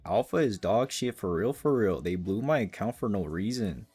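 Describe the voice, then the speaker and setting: A man's voice: on the low side, lively intonation, moderate pace, a little mellow, husky, faint music behind. A man putting on a Canadian accent to mock a complaining male viewer from his chat. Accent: Canadian put on.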